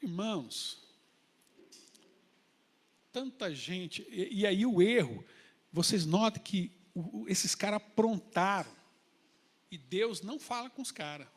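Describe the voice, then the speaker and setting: A male pastor with a Brazilian accent, preaching a sermon in a colloquial, animated storytelling way. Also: high-pitched, slow, pauses often, slightly rough, in a large hall. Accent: Brazilian Portuguese.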